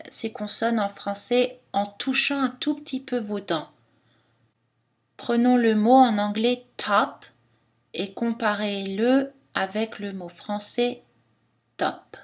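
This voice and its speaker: Woman, phonetics teacher, slow and deliberate, demonstrates sounds one by one. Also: a little high. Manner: slow, careful delivery that demonstrates each sound. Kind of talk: scripted lesson narration.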